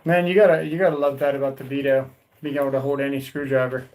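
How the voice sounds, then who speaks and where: Speaking fast in a mid-range, slightly mellow voice with little pitch movement, a YouTube tool channel host chats casually during a livestream, and the recording quality is low. He rambles, repeats his words and addresses viewers as "guys" and "dude."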